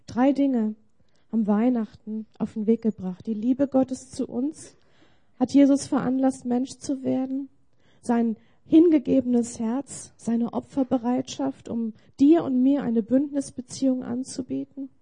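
A woman preaching a Christmas sermon, measured and plainspoken as she tells a story to the congregation. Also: high-pitched, steady tone, creaky, mellow, slightly rough.

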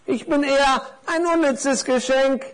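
A man voicing a small, jaded gift-wrapped tie in a children's story, a squeaky, lecturing know-it-all. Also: a little slow, fairly bright tone.

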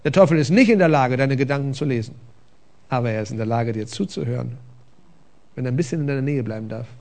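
A man preaching a conversational sermon from a church stage, with rhetorical questions and a lively, engaging delivery. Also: mid-range voice, fast talker. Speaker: pastor.

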